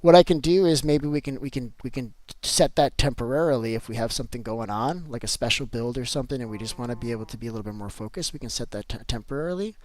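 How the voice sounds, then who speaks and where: A man live-streaming a game and talking straight to his viewers in a relaxed, rambling way. His voice sits in a middle register, and it sounds dry and close with no room echo. He moves from upbeat cheer to mock grumbling as he answers the chat. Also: medium pitch, quick pace, few pauses.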